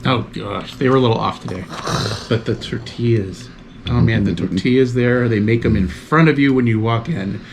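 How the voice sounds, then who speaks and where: A man's voice: mid-range voice, moderate pace, gravelly. Laid-back man recalling stories. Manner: laughs easily, rambling recollection. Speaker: guest, longtime friend. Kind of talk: casual chat. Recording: faint background noise.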